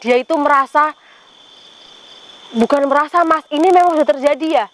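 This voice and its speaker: A woman's voice: sits high, brisk. A woman on a ghost-hunting vlog, asking questions aloud, repeating the answers to viewers and exclaiming pious phrases. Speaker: paranormal vlogger relaying a spirit.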